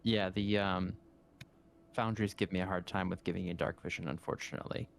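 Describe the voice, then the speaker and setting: A man's voice: deep voice, fairly even intonation, brisk, vocal fry. A man acting as game master, casually narrating a tabletop game and guiding the players.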